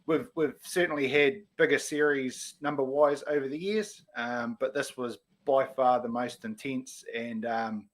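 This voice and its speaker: A man with a broad Kiwi accent chats as a show guest. His pitch is average for a man. He speaks casually and haltingly, with plenty of "you know". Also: fairly even intonation. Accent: broad New Zealand. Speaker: online speedway series guest. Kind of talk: casual live-stream chat.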